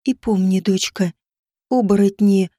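Woman doing a dying witch mom, low breathy muffled voice, slow, dry close audiobook sound. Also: mellow, dry recording. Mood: tender, fading. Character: dying noblewoman, a witch mother, stern yet tender.

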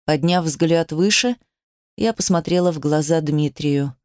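A woman's voice: deep voice, measured pace, darkish tone, no echo. Woman narrating a tense audiobook, dry. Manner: tense, emotional storytelling. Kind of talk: dramatic first-person audiobook narration.

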